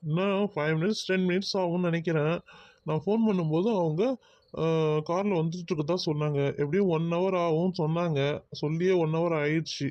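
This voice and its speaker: A man's voice: on the high side, fairly even intonation, fairly quick, darkish tone, no room sound, muffled recording, natural voice. A man voicing an exasperated young man in a cartoon, sighing and dodging a marriage. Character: exasperated young man, ambitious, reluctant groom. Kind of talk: Tamil cartoon voice acting.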